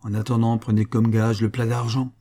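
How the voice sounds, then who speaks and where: A man voicing a sly, cheerful young male boatman who talks boldly and lively in a storybook reading. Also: mid-range voice, normal speed, lightly acted. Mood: confident.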